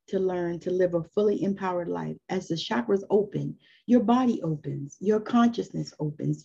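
A woman's voice: fairly low pitch, vocal fry, dark tone, husky, highs cut off. A woman in her fifties giving an earnest, encouraging spoken lesson on spiritual growth in a loose, conversational way. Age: 50s. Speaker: spiritual teacher.

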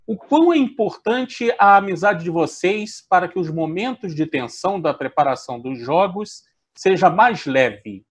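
Upbeat high-voiced male interviewer. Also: animated, moderate pace, hardly any pauses, breathy edge. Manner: upbeat, reads viewer questions. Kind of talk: casual interview hosting.

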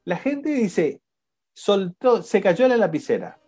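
Argentine male coach on a video call, animated pitch, unhurried delivery, keeps checking in with "¿sí?". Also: breathy edge, soft background music. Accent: Argentine Spanish. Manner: lively, questioning the class, frequent "¿no?" and "¿sí?". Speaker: coaching instructor. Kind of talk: live online class.

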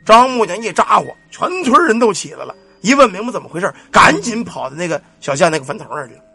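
A man's voice: high voice, big pitch swings, fast, creaky, sharp tone, soft background music. A man telling a village ghost story in a colloquial, earthy way, with casual cursing and sound effects. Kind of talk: spoken ghost-story narration.

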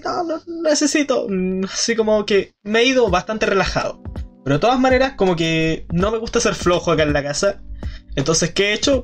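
A young man from southern Chile with a Chilean accent, hosting a casual podcast chat, rambling with many fillers and restarts. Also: sits high. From Aysén region, southern Chile. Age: young adult. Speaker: podcast host, student.

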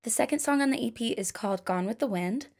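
A woman's voice: on the high side, fast, a little mellow, faint music behind. A young woman singer-songwriter talking casually about writing her songs, chatty and self-deprecating.

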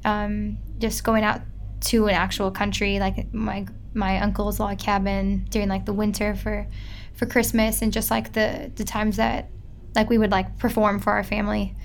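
A woman's voice: mid-range voice, level tone, moderate pace, gravelly, a little hiss or hum. A young woman, chatting casually as an interview guest and filling her talk with "like". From Midwest United States. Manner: chatty, lots of filler "like".

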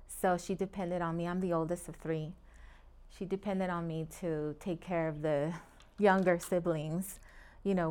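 A woman's voice: lowish voice, a little mellow, clear, resonant tone. A middle-aged woman from Puerto Rico, a real estate agent guest talking earnestly and in detail in a casual interview, often laughing between points.

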